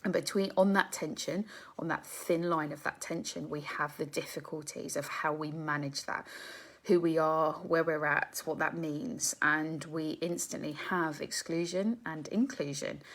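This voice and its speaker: Therapist lady around 40 doing a live stream, deep-ish gravelly voice, lots of ums and musing questions. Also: fairly even intonation, a little slow, fairly bright tone. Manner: reflective, thinking aloud with many ums and rhetorical questions. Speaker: psychotherapist hosting a live stream. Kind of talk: casual live-stream talk.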